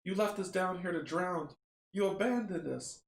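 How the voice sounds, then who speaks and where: A man's voice: high voice, normal speed, creaky, a little hiss or hum, voice pushed up. A man voicing a chorus of drowned crew accusing someone of abandoning them. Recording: roomy echo.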